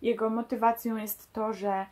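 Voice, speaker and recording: A woman's voice: a little high, level tone, normal speed, warm tone. A woman book vlogger talking casually about a novel and its screen adaptation, with frequent hesitations. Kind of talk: casual book-versus-film discussion.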